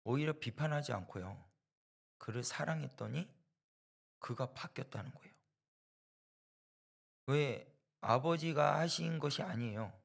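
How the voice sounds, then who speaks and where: Gravelly-voiced man preaching emphatically. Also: mid-range voice. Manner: emphatic, rhetorical questions and repetition; storytelling that acts out quoted voices. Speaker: preacher at a church. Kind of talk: sermon with a personal story.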